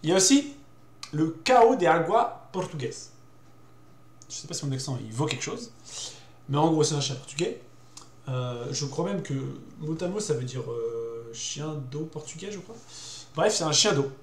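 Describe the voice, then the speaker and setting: A man's voice: on the high side, slight background noise. A young man explaining in casual, hesitant talk as a show host, with many fillers, repeated words and youthful slang. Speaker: host presenting dog breeds. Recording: roomy echo.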